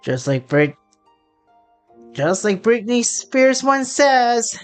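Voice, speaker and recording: A woman game streamer gives playthrough commentary, reading dialogue aloud and reacting in a playful, rambling way. Her voice is fairly high and very animated, though she speaks slowly. Game music plays behind her.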